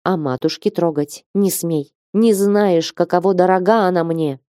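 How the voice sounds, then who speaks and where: A woman reading an audiobook and voicing a lively, teasing young woman in love, who coaxes tenderly and can turn fierce. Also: on the low side, moderate pace, no room sound, studio quality, natural voice. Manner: coaxing and affectionate, then fierce.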